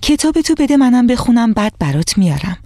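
A woman's voice: fairly high pitch, sing-song, dark tone, no echo, clean studio sound, voice pushed up. Woman doing a careless little schoolgirl. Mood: breezy. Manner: defensive, quick to make excuses. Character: young schoolgirl, careless and easygoing.

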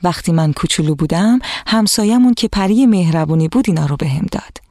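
A storyteller voicing a kind, patient old woman who used to be a teacher, speaking gently with a slightly whispery softness in a children's storybook reading. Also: mid-range voice, animated, dry recording. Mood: gentle.

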